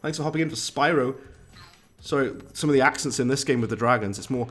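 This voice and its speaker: A man's voice: mid-range voice, fast talker, fairly bright tone, faint music behind. A young man chatting and joking as he streams a game. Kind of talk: casual live-stream commentary.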